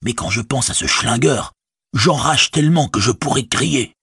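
A loyal, plain-spoken young hobbit speaks in a hushed, earnest voice with some husk. A man voices him in an audiobook reading. The voice is close and dry. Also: mid-range voice, moderate pace, slightly rough, dry recording, voice pushed up.

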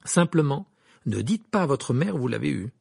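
A man's voice: medium pitch, sing-song, moderate pace, vocal fry, darkish tone, slightly rough, no echo, clean studio sound, pitched above the performer's own voice, full character voice. A man voicing a determined, generous teenage boy wizard in an audiobook, speaking firmly and insistently. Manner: firm, insistent.

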